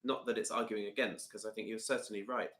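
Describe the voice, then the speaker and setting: A man co-hosting a live online session, speaking in a measured way and correcting himself, on a video call. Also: fairly low pitch, fairly even intonation, fairly bright tone, reverberant. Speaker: co-host trainer.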